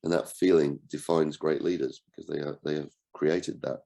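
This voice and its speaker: A man with a cold and a croaky voice, hosting an online book discussion in a relaxed way and asking his group questions. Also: extremely low pitch, normal speed. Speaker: book club host and coach.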